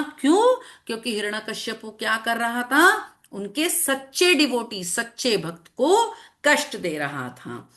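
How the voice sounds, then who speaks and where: A woman teacher telling a scripture story to children in an online class, animated and asking them questions as she goes. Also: fairly high pitch. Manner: animated, repeats phrases, asks children questions. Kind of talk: storytelling lesson to children with slides.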